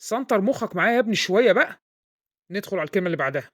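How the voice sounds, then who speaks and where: A woman's voice: medium pitch, expressive, rapid-fire, close to an everyday voice. A woman playing a blustering, pompous father with an Egyptian accent who insults his son while tutoring him and mangles English words. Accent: Egyptian Arabic. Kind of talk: comedy sketch acting.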